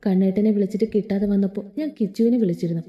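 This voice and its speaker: A woman's voice: medium pitch, steady tone, mellow, lo-fi sound, natural voice. A woman reading as a heartbroken tearful young woman. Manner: halting, choked voice.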